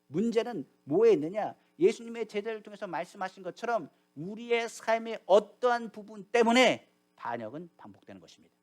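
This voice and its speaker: Guy preaching fast in church, punchy, keeps asking questions then answering. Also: high-pitched, animated, a little mellow. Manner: emphatic preaching with rhetorical questions, quoting scripture and acting out prayers. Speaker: pastor. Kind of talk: sermon. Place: church sanctuary.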